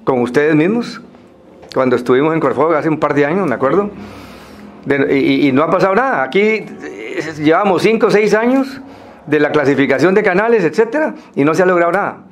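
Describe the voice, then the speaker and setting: A Costa Rican man speaking semi-formally to a group, explaining things in a halting way with pauses and repeated words. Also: fairly high pitch, lively intonation, slight background noise.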